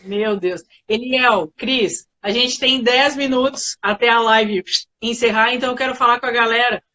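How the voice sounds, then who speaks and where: A woman with a Brazilian accent hosting a live stream on a video call, briskly rallying the viewers. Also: on the high side, bright, forceful tone. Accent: Brazilian Portuguese. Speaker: host.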